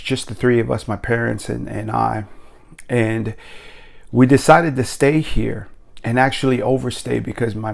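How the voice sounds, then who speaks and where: A middle-aged man from Tonga, a personal development coach, giving a reflective motivational talk from his office in a measured, drawn-out way with frequent fillers. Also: mid-range voice, gravelly, darkish tone.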